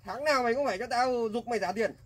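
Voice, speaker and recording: A man's voice: very high voice, very fast, a bit bright, slight background noise. A man playing a harsh, impatient landlord who barks rude orders and scolds his tenant in a staged home drama. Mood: angry.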